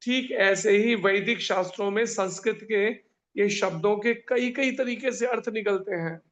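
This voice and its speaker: A man's voice: high voice, a little slow, a bit bright. A man teaching a scripture class over a video call, answering questions and explaining with examples and little stories. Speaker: spiritual teacher.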